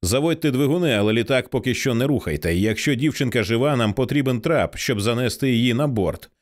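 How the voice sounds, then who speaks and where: Man reading stern commanding man, clipped orders, calm and firm, animated delivery. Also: mid-range voice, a little fast, close to an everyday voice. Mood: grim commanding.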